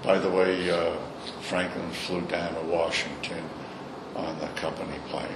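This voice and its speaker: Deep-voiced and a little slow, with a flat delivery, an older Brooklyn man shares stories informally in an interview. He speaks bluntly and saltily, airing his opinions, in an echoey room where background noise comes through clearly.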